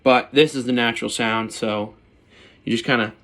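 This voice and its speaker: A man's voice: medium pitch, steady tone, moderate pace, fairly bright tone. A man talking informally and bluntly, with mild swearing and slang, as a hunter casually showing and explaining his gear. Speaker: turkey hunter presenting his calls. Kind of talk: casual hands-on gear demonstration.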